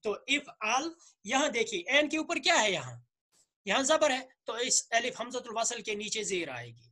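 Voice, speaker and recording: A man with a Kashmiri accent and slightly hoarse throat, teaching a grammar lesson, asking questions and answering them himself while repeating words slowly. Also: extremely high pitch, sing-song, pushed and bright. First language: Urdu. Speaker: Arabic teacher.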